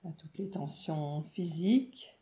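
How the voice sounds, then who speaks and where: A meditation teacher with a low-pitched voice leads a guided yoga nidra relaxation, calm and soothing, giving instructions in short phrases with pauses. The recording is roomy, and her voice echoes.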